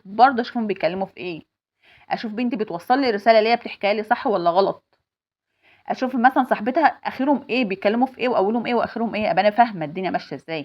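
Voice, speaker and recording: A woman's voice: mid-range voice, lo-fi sound. A woman in her forties with an Egyptian accent, giving insistent advice to other mothers and repeating her points emphatically.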